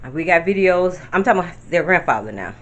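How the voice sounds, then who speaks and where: Bright-voiced grandmother in her fifties. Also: fairly low pitch, sing-song, fast talker. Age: 50s. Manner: chatty, rambling, addresses viewers directly. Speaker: grandmother vlogger. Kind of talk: casual talk to camera. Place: at home, in her bedroom.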